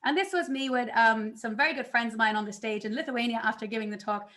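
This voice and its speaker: A woman giving a conference talk, telling her story in an animated way and acting out her own past reactions. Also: on the high side, fast talker. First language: not English. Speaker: conference speaker.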